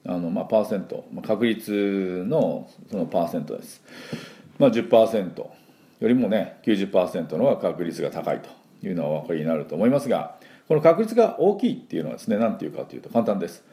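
Low, mellow-voiced Japanese male teacher, animated delivery, slow drawn-out examples for repeating. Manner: slow, drawn-out model words for the listener to repeat. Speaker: English teacher. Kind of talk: English pronunciation lesson.

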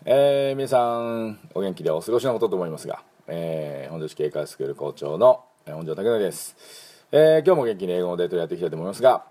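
A man's voice: deep voice, animated, fast, warm tone. A man who runs an English school, giving a pronunciation lesson with many fillers and repeating words for learners to copy. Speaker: English school principal and teacher.

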